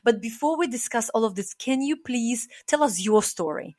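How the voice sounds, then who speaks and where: A woman's voice: on the high side, expressive, normal speed, darkish tone. A woman co-hosting a podcast interview, welcoming her guest with enthusiasm. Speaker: podcast co-host.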